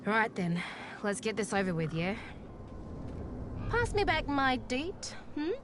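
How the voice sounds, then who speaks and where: A brash, animated young junk dealer. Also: female voice, on the high side, unhurried, noisy background. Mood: brisk, bossy. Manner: sarcastic, cheeky, slangy. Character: brash, cagey young female junk dealer and tech tinkerer. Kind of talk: video game voice acting.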